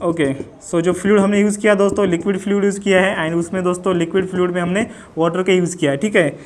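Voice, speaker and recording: High-voiced Indian man teaching physics. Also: fairly even intonation, fast. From Maharashtra, India. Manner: addresses students as friends, mixes English into Hindi, asks and answers himself. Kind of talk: whiteboard physics lesson.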